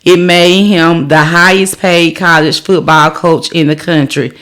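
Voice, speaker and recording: A middle-aged woman co-hosts a sports podcast, chatting casually and reading out news headlines with frequent fillers like "um." Her voice is on the low side, steady, fairly bright, and unhurried.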